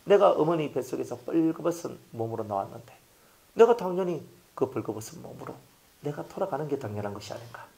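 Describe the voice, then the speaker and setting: Man doing a devout suffering old man, Gyeongsang accent, quiet, solemn, resigned. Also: mid-range voice, animated, fast talker, creaky. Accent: Gyeongsang Korean.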